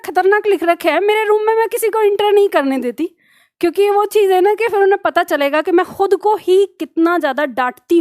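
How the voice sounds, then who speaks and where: A woman's voice: very high voice, no echo, studio quality. A woman teacher giving an earnest motivational talk to her students, now and then acting out a scolding inner voice.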